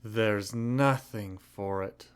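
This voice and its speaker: A man with a fairly low, smooth voice stretches out his words as he theatrically voices good-natured, emotional brothers from a children's storybook. His delivery swoops dramatically, carrying a mood of earnest resolve.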